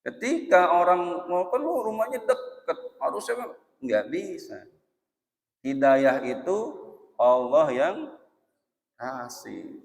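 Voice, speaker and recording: A man preaching at an unhurried pace, his pitch leaping and falling as he moves between loud emphasis and quiet asides. He slows down to chant verses. His voice rings through a mosque hall with a long reverb tail. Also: big pitch swings. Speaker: ustadz preacher. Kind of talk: dawn mosque sermon.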